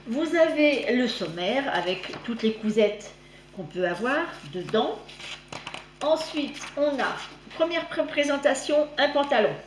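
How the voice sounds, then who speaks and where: A woman's voice: high-pitched, expressive, unhurried. A woman with a slight lisp on her s sounds, chatting casually as she hosts a magazine review vlog. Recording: roomy echo, clear background noise.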